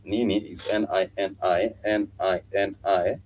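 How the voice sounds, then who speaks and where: Man, very low voice, patient teacher, repeats and spells out words, faint hum behind. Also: flat delivery, measured pace, a little mellow, rough recording. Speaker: Swahili teacher. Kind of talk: live online language lesson.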